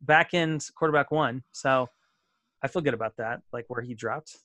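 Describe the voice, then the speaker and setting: A male podcast co-host talks sports in a casual, self-deprecating way and often trips over his sentence starts. His voice is bright and forceful, at a middling pitch for a man. The sound is dry and close, with no room around it. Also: normal speed, no room sound.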